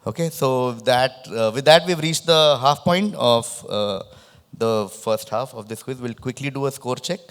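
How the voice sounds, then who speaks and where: A man's voice: medium pitch, unhurried, clear, resonant tone. Guy hosting a live quiz, lispy whistly s, mid voice, big echo on it. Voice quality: lisp with whistling s. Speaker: quiz host. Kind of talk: live quiz hosting, reading questions and chatting with contestants. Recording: echoey, long room reverb.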